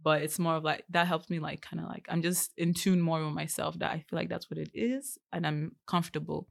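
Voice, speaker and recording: Young woman on a podcast, kinda fry in her voice, laughs a lot, says like constantly. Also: sits low, little pitch movement, fairly quick. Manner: laughs often, many "like" fillers. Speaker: podcast guest, entrepreneur. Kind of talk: casual chat.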